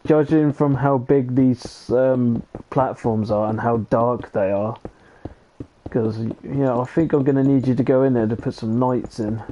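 A man's voice: mid-range voice, fairly even intonation, unhurried, warm tone, a little hiss or hum. A man streaming a game with a friend, chatting casually and chuckling as he thinks aloud. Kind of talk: casual gaming chat. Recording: dull lo-fi stream audio.

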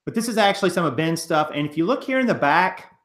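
A man's voice: high voice, animated, fast talker, fairly bright tone. A man in his thirties co-hosting a casual chat from a living room couch, rambling with fillers and restarts while walking through photos. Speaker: co-host of a reselling channel.

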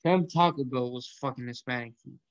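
The setting is a small indoor room where a young Colombian man hosts an online audio chat, riffing on food and math. His mid-range voice is fairly quick, and his easygoing, cuss-laden slang leans on "bro" and "yo." There's no room sound, though the audio is dull.

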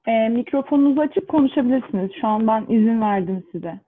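A woman's voice: fairly high pitch, expressive, fast, slight background noise. Tinny-sounding female seminar moderator. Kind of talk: casual procedural talk. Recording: narrow phone-like call audio.

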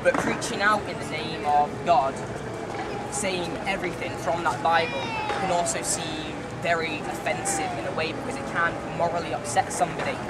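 A man's voice: on the high side, steady tone, normal speed. A young man in a heated street debate, talking earnestly and rambling as he keeps talking over the other speaker. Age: young adult. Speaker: passerby debating a preacher. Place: outdoor city square. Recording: distant outdoor recording with crowd and street noise.

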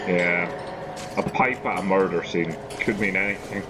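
A man's voice: sits low, normal speed, low-quality recording. A man giving casual, playfully sarcastic commentary as he plays a video game, muttering asides. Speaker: gamer. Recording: game music behind voice.

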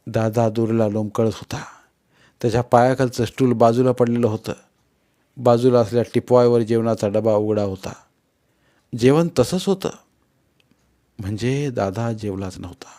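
Guy reading a novel out loud, first person, serious and expressive, mid-pitched voice. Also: normal speed, long pauses. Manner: expressive, grave storytelling. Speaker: audiobook narrator.

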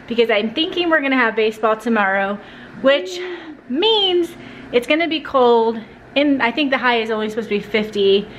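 A chatty woman in her thirties talks to a handheld camera for a family vlog, her voice on the higher side. She rambles along with plenty of fillers as she runs errands. Faint road noise hums in the background. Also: lively intonation, normal speed, fairly bright tone. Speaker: family vlogger. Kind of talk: casual family vlog chat.

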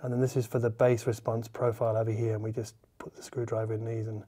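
A man in his forties with a fairly low, warm voice and a breathy edge talks fast but keeps a level tone while reviewing audio gear on camera. His explanation is informal and goes step by step, filmed in a medium indoor living-room listening space.

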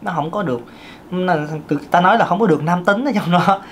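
The singing teacher speaks briskly in a thin, light voice, chatty and full of fillers, with abrupt leaps in pitch. There is a faint hiss or hum behind him.

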